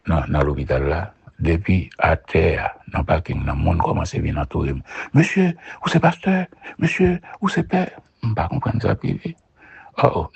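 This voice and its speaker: A man with a Haitian Creole accent giving a personal testimony, switching between Creole and French as he retells events with lively voice jumps. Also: extremely low pitch, gravelly, slightly rough, no echo, dull audio.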